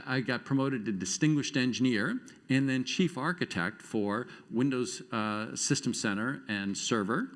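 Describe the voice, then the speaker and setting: Middle-aged guy doing a conference keynote, pitch all over the place, jokey and self-deprecating. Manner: animated, self-deprecating storytelling with wry asides. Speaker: conference speaker. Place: conference stage before an audience.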